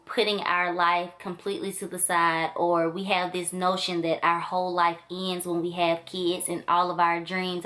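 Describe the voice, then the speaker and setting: A woman's voice: fairly low pitch, a bit bright. A woman chatting casually and enthusiastically to her camera as she reviews a book, with loose filler-heavy talk. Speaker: book vlogger. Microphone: camera mic.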